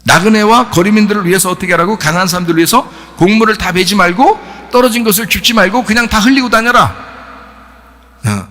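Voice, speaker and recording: A man preaching a sermon as a pastor. He keeps asking the congregation questions and breaks into sudden shouts. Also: high-pitched, fast, in a large hall. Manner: animated, rhetorical questions to the congregation, bursts of shouting. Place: church sanctuary.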